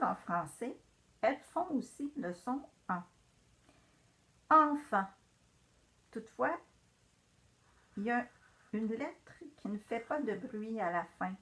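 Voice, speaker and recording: A woman teacher giving a patient, encouraging reading lesson to young children. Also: medium pitch.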